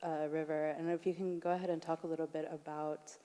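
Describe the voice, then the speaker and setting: A woman's voice: sits low, little pitch movement, fast talker, dark tone. A woman moderating a panel, posing questions with many fillers. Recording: long hall reverb, faint noise.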